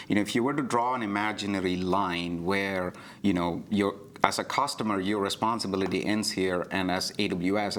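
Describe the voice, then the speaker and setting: A man with a low voice walks listeners through a technical idea, leaning on "you know" and "right?" as he goes. A faint hiss sits under his voice. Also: a bit bright. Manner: fluent explainer with many "you know" and "right?" fillers. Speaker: cloud provider guest expert. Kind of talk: explaining a technical topic on a livestream.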